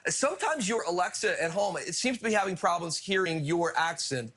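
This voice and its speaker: A man's voice: high-pitched, lively intonation, fairly quick, fairly bright tone, slightly rough. A man hosting a radio countdown show, interviewing guests in an upbeat, teasing way.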